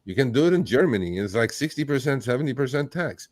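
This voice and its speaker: A man born in Turkey, hosting a live chat, talking bluntly and with profanity, telling animated stories. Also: medium pitch, quick pace, no room sound. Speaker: host. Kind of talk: casual livestream chat.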